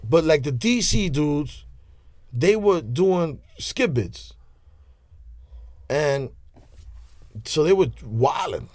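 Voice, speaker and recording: A man's voice: fairly high pitch, very slow, pauses often, no room sound. A man in his forties with a New York accent, telling stories in a casual interview, heavy on street slang and restarts. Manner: street slang, animated hand gestures, many restarts. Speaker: interview guest. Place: small studio with leather couch. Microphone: studio mic on stand.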